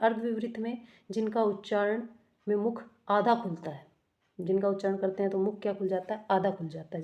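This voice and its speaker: A woman's voice: medium pitch, mellow. A woman teaching an exam-prep grammar lesson, explaining step by step, asking questions and answering them herself, and correcting herself often.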